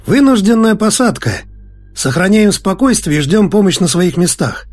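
A man's voice: sits high, very animated, moderate pace, darkish tone, faint music behind, voice pushed up. A man voicing an armed hijacker who gives short, dry commands. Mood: commanding. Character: curt armed male hijacker, cool and commanding.

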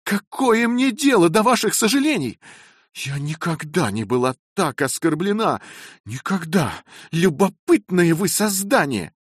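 A man's voice: medium pitch, big pitch swings, moderate pace, no echo, clean studio sound, voice pushed up. A man voicing a fiery, imperious young wife. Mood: furious. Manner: sharp, imperious scolding.

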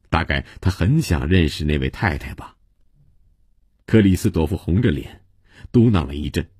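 A man narrating a novel as an audiobook, in steady, measured storytelling from a studio mic. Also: deep voice, slightly rough, dry recording.

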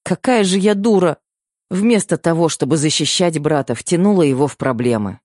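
A man's voice: a little high, animated, moderate pace, a little mellow, no echo, clean studio sound, pitched above the performer's own voice, close to an everyday voice. A man voicing an impulsive young woman, the story's heroine, who blurts things out in a raised voice. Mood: self-reproachful. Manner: blurting, breathless pleading.

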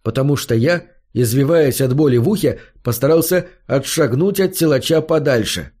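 A man's voice: mid-range voice, normal speed, a little mellow, breathy edge. A man reading a first-person fantasy story aloud, narrating expressively. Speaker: audiobook narrator.

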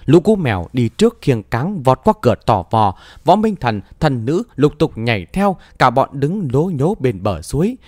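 A male narrator reads a martial-arts novel aloud with a dramatic storytelling manner. His pitch rises and falls expressively, and the recording is dry and close with no room sound. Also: big pitch swings, normal speed, few pauses, darkish tone, dry recording.

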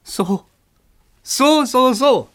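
A man reading a classic tale aloud, voicing an irate, blustering older landlord who shouts and scolds. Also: lowish voice, expressive, normal speed. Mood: furious.

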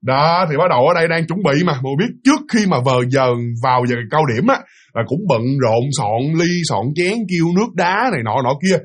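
Fast-talking husky Southern Vietnamese man. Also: a little high, lively intonation. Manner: chatty, addresses listeners directly. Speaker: storyteller. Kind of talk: casual spoken ghost story.

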